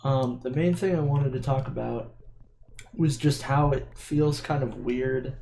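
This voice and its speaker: Young man with a slight lisp, gravelly. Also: medium pitch, measured pace, a little mellow, slight background noise. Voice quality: slight lisp on S sounds from an underbite. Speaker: vlogger playing a video game. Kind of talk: casual rambling chat while gaming. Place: dim room at home at a computer. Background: keyboard and mouse clicking.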